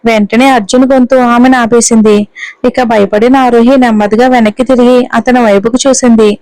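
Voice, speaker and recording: A woman narrating a romantic story in a steady storytelling manner, reading all the characters in her own voice. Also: a little high, fairly quick, dry recording, low-quality recording.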